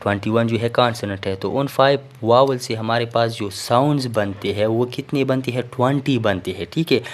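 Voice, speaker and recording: A man teaches a recorded lesson at a middle pitch. He explains step by step, often pausing on filler sounds and checking in with the listener before moving on. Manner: explains patiently, repeats "theek hai" and fillers. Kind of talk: recorded classroom lecture.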